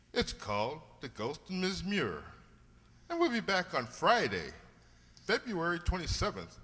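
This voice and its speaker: Man as highly animated, bright-voiced Doctor Watson, echoing hall. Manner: exclamatory, earnest. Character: excitable, earnest doctor, loyal detective's sidekick. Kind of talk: radio mystery acting. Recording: long hall reverb.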